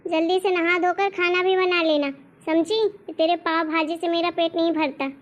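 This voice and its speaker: Cartoon mother-in-law, middle-aged woman, very high-pitched, insulting, bossy. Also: little pitch movement, moderate pace. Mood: scolding. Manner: shrill and insulting. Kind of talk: cartoon voice acting.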